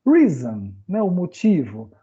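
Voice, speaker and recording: A man's voice: high-pitched, huge pitch swings, slow pace, dark tone, breathy edge, dull audio. A man teaching English grammar in a casual online lesson, chatting with a Brazilian Portuguese accent and tagging his sentences with questions. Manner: chatty, frequent "né?" tag questions.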